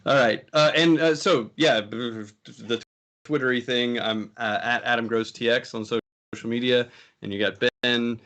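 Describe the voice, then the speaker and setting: This tech show host has a steady, slightly bright, medium-pitched voice and speaks at normal speed. He chats casually and rambles, often self-correcting and quick to laugh.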